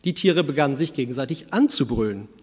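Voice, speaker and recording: A man preaching a sermon, first telling a fable in a calm storytelling manner and then speaking to the congregation. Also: mid-range voice, fast talker, husky. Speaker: pastor. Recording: long church reverb.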